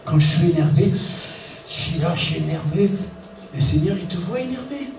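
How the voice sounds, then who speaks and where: A man preaching a sermon as pastor, animated, acting out little scenes and shouting warnings. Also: high voice, moderate pace, a little hiss or hum. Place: church hall. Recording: echoey church room from far off, faint ambience.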